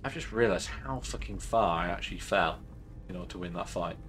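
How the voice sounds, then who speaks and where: Chatty low-voiced male streamer. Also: a little fast, fairly bright tone, faint music behind. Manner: chatty, swears, thinks aloud. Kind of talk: casual game commentary.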